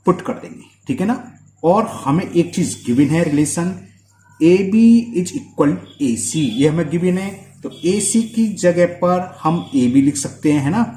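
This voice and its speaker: A man's voice: a little high, dark tone, roomy sound, slight background noise. A man teaching a school maths lesson at the board, often stopping to ask if students follow. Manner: checks understanding often with quick questions.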